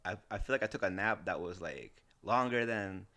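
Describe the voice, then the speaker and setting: A man's voice: low voice, animated, normal speed, sharp tone. A young man co-hosting a podcast, talking in a rambling, casual way with restarts and laughs. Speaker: podcast co-host. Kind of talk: casual chat.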